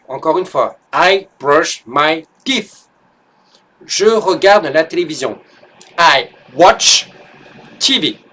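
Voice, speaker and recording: In an online English lesson, a man patiently explains grammar, repeating each phrase slowly and clearly for his learners. His voice sits at a fairly high pitch with a fairly bright tone.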